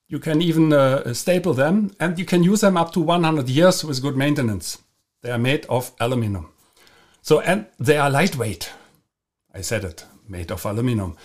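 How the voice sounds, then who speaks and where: A man with a German accent, a native German speaker, hosting a podcast in a casual monologue. He talks haltingly, with many fillers and self-corrections, and often chuckles while he explains. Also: medium pitch. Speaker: podcast host.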